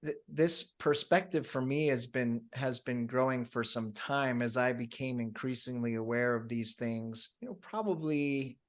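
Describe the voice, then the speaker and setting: A man speaks as an interview guest, earnest and open. He often stumbles over the start of a thought and repeats his first words before going on. His pitch sits in the middle of the usual range for a man. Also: unhurried, few pauses. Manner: earnest, with frequent stammered restarts. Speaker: coach and guest. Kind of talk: conversational interview.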